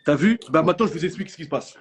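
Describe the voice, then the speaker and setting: A young man telling reality-show stories in quick, slangy casual chat, acting out what others said. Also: fairly high pitch, crowd noise. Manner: animated storytelling in slang, acting out others' lines.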